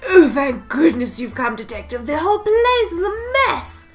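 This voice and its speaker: A woman voicing a fretful male museum director, talking in a slow, flustered way. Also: high-pitched, very animated, soft background music.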